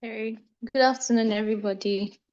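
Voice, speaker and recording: A woman's voice: a little high, moderate pace, lo-fi sound. A woman from Nigeria gives a group presentation in an online class. She explains steadily and corrects herself now and then, heard through screen-recorded video call audio. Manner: steady explanatory delivery with brief self-corrections. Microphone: computer microphone on a video call.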